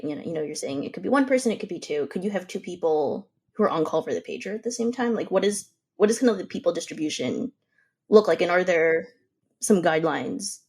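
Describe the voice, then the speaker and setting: Boğuk ve nefesli sesli bir kadın sunucu, soruları yeniden ifade ederek soruyor; sesi biraz pes. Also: female voice, fairly low pitch, darkish tone, breathy edge. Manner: questioning, rephrases as she asks. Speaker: podcast host. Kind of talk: casual interview questions.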